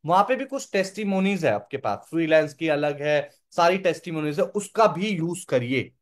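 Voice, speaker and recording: A man's voice: on the high side, expressive, normal speed. A young man giving a live online sales training, repeating his points and checking that listeners follow.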